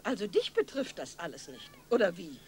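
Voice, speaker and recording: A woman's voice: on the low side, very animated, fairly quick, darkish tone, slight background noise. A blunt, practical mother. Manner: blunt, matter-of-fact. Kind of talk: dubbed film dialogue.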